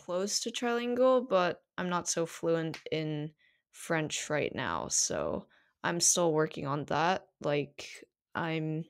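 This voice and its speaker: This solo podcast is hosted by a teenage woman from South Korea whose first language is Korean. Her fairly low voice carries vocal fry, and she chats casually with plenty of fillers.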